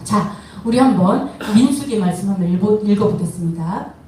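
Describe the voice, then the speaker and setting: A woman's voice: mid-range voice, lively intonation, normal speed, warm tone. Preaching woman, echoey and distant. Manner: asks the congregation questions and acts out quoted voices. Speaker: pastor. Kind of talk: sermon. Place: worship hall. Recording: echoey room from far off, faint noise.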